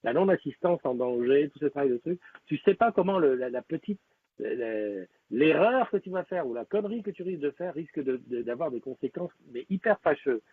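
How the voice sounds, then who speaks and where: A man's voice: a little high, lively intonation, brisk, slight background noise. A man hosting a live stream, chatting casually with viewers and rambling with many fillers and restarts. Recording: tinny, lo-fi phone-like sound.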